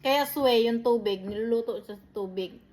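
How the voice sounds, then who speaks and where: A woman's voice: fairly high pitch, normal speed, darkish tone. A woman caregiver telling stories in a chatty way, in short phrases and with frequent laughter, recorded on a phone. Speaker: caregiver and vlogger. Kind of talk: casual storytelling chat.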